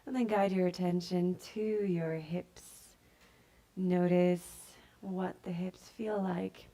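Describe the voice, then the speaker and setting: A woman yoga teacher guiding a class with slow, soft-spoken calm cues that sometimes drop to a breathy near-whisper. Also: lowish voice. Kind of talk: guided yoga instruction.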